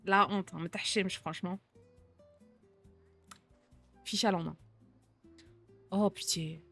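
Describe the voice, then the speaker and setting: A woman's voice: mid-range voice, steady tone, a little slow, creaky, fairly bright tone, faint music behind. Chatty young woman streamer. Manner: chatty, slangy, answering chat with reassurance and jokes. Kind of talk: casual chat reading out viewer messages.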